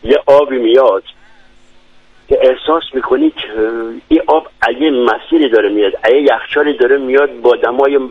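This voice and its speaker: A man from Lorestan, a radio guest who describes his home village eagerly, with frequent hesitations. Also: medium pitch. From Lorestan, Iran. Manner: enthusiastic, descriptive, many hesitations. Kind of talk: radio interview. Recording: dry, dull lo-fi radio sound.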